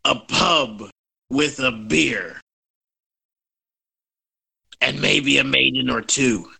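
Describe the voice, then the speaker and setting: A man voicing a blunt, cocky human mercenary in a tabletop game, answering in short, gruff lines. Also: medium pitch, extremely slow, pushed and bright, exaggerated voice, low-quality recording.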